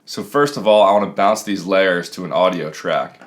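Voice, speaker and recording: A man's voice: sits low, normal speed. A man in his thirties talking casually and explaining step by step as a music production tutor, recorded in a small home room.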